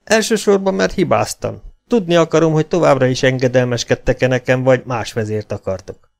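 Brief: man reading a stern, composed gang boss in an audiobook, measured, gravelly, middle pitch. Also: lightly acted. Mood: calm, stern. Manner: quiet, measured, cold authority. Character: calm, commanding male outlaw chief.

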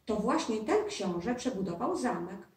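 A woman's voice: medium pitch, sing-song, normal speed, natural voice. A woman reading a children's story aloud, voicing a curious, eager schoolboy in an inquisitive manner, recorded in a roomy space from a distance.

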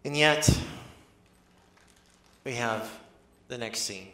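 A man preaching a sermon in a church, conversational and animated, often asking his listeners questions. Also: mid-range voice, drawn-out words, echoey room. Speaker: pastor.

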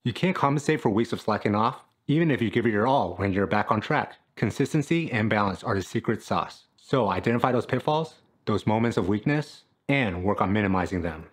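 Brief: fitness coach in his thirties, punchy and jokey, fairly low voice, filmed at home. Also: animated, brisk, hardly any pauses, breathy edge. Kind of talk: scripted talk to camera. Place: small room at home, indoors.

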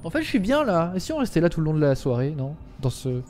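Very animated and fast, this young streamer's fairly high voice has a darkish tone. During live gameplay he talks to his audience and to characters on screen, erupting into dramatic yelps when scared.

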